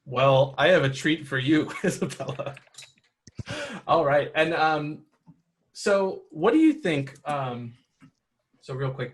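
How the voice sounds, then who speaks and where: A man's voice: medium pitch, slight background noise. Patient man guiding kids through a game. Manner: patient, encouraging, explains rules step by step. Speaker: game master. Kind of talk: narrating a tabletop game for children.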